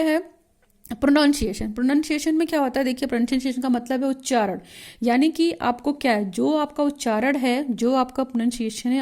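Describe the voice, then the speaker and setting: Mellow-voiced woman teaching a lesson. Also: fairly high pitch. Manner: mixes English terms into Hindi, reads English passages slowly; repeats points, tag questions. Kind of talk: explaining lesson notes.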